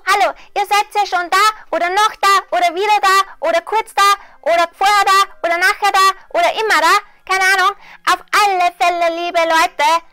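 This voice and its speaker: A performer voicing a playful, teasing cartoon tomcat who chatters quickly, with a lilt. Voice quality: high, bright cat voice.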